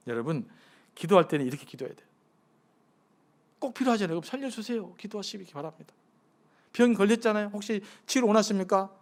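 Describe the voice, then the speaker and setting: A male pastor preaching a sermon at a midweek prayer service, talking conversationally and asking his congregation many questions. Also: high voice. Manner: acts out pleading prayers in a hushed, softened voice.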